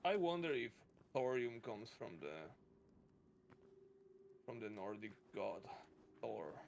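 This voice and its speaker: A man's voice: mid-range voice, very animated, slow, gravelly, a little mellow, slight background noise. A man chatting casually while playing a game with friends, tossing out playful, theatrical one-liners. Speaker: co-op game player. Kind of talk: casual gaming chat.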